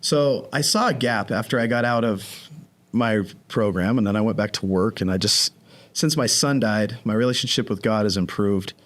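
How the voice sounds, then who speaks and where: A man guest on a podcast, telling his recovery story in a casual, animated way, often acting out what people said. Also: lowish voice, moderate pace. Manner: animated, acts out quoted voices.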